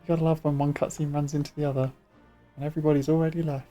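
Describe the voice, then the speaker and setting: A man casually commenting while playing a video game, making wry deadpan jokes. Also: fairly high pitch, racing, faint music behind. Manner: wry, joking, deadpan asides.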